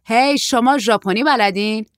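A woman's voice: a little high, dry recording, clean studio sound, pitched above the performer's own voice, lightly acted. A woman voicing a tall, lanky young male surfer who is shy but blunt and naive. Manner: naive, chatty, raised youthful delivery.

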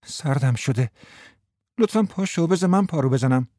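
A man voicing a calm, scheming wife. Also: on the high side, no room sound, studio quality, natural voice. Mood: quietly insistent. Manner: quiet, calm and controlled. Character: cold scheming wife, middle-aged woman.

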